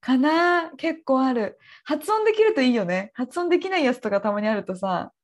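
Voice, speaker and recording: High-pitched woman on a chatty podcast, voice bouncing all over, giggly and lively. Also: normal speed. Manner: lively, giggly, reads out lists. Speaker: podcast co-host. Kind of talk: casual chat.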